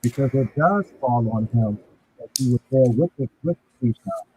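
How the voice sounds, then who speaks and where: A man's voice: mid-range voice, darkish tone, a little hiss or hum. A man giving emphatic opinions as a boxing commentator, his voice muffled as if coming through a wall. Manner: deliberate, emphatic, repeats words while building a point. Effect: muffled and distant, as if heard through a wall. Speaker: boxing commentator on a call-in show. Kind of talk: opinionated casual discussion.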